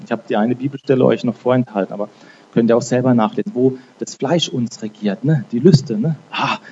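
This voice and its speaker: Man preaching casually, dark voice. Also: mid-range voice, a little fast, lo-fi sound, slight background noise. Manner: conversational, frequent "ne?" tags; repeats and restarts words. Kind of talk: informal sermon with prayer.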